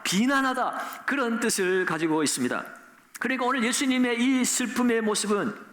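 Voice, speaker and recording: A man's voice: very high voice, pushed and bright. A middle-aged man preaching an earnest Sunday sermon as pastor, often putting rhetorical questions to his congregation. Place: church sanctuary. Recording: echoey church sanctuary.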